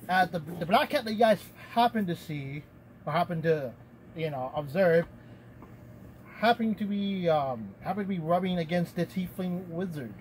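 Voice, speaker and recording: A game master telling a tabletop scene in a loose, rambling way, correcting himself as he goes. The pitch moves about a lot. Faint ambience sits behind the voice. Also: animated, normal speed, a little mellow, slight background noise, rough recording. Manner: rambling, self-correcting narration with laughs.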